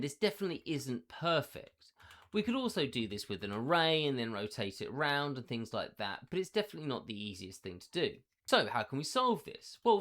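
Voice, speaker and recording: Boxy, echoey man, very lively pitch. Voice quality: boxy, echoey sound as if inside a box. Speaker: tutorial host. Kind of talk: casual software tutorial narration. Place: small box room indoors, echoey. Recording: boxy echo of a box room.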